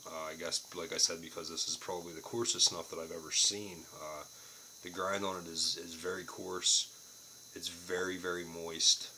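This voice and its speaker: Deep, bright-voiced man reviewing casually. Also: little pitch movement, moderate pace, a little hiss or hum. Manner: plain-spoken, casually profane. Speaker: product reviewer. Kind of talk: casual unscripted review to camera.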